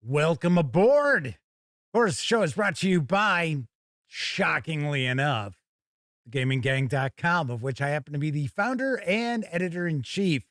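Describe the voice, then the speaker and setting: Hosting a casual tabletop gaming live stream, a man delivers folksy, hearty showman patter. His voice is a little high and fairly bright, with lively intonation at a moderate pace, recorded at studio quality with no room sound.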